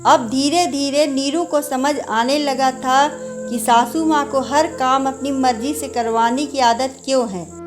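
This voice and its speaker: A woman narrating a family story in a calm, measured storytelling manner. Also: sits high. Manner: calm, measured storytelling, voicing characters lightly. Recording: soft music underneath. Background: faint background music.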